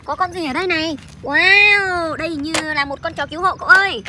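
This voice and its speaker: A woman in playful pretend play with toys, chatting excitedly with childlike exclamations. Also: very high voice, fairly quick, noisy background. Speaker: toy play video host. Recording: music playing underneath.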